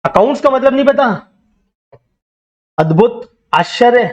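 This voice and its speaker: Male accounting teacher, high-pitched, quizzing the class over and over, muffled lo-fi classroom recording. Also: animated, a little slow. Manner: drills students with repeated questions and call-and-response; teasing, scolding banter with the class. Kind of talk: classroom lecture.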